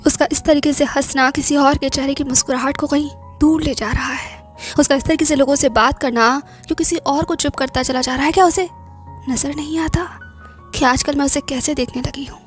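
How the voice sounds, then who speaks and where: A woman narrating a romantic story aloud in the first person, in a soft, reflective manner that often drops to a whisper. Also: high-pitched, fairly even intonation, normal speed, soft background music. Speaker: audiobook narrator.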